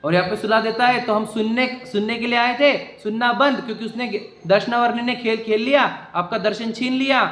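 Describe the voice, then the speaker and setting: A man's voice: high-pitched, a bit bright, slight background noise. A man giving a religious discourse to a seated audience in a hall, explaining step by step and often asking the listeners whether they follow. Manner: explanatory, keeps questioning the listeners. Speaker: Jain religious teacher. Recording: echoey hall.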